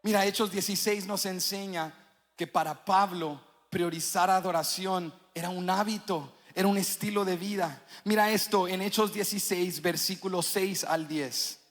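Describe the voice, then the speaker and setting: A male pastor preaching a sermon, rising to sung, shouted climaxes and dropping to quiet passages. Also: steady tone, normal speed. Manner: preaching that swells into sung, shouted climaxes, then drops low. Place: large church hall. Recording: long church reverb.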